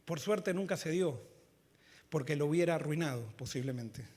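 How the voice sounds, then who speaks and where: A male pastor preaching a sermon with fervor, swinging between loud emphatic lines and quiet low ones. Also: normal speed.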